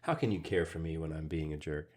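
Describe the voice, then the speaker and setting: Dry, sarcastic man with a very deep voice. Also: fast talker, a little mellow. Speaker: podcast co-host. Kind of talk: casual chat with his wife.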